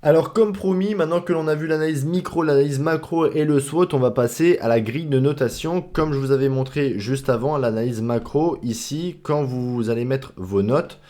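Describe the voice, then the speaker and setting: A warm, mid-pitched male voice moves at a moderate pace with few pauses as this investing educator casually explains stock analysis. He is chatty, slangy, and leans heavily on fillers like "bah" and "hein".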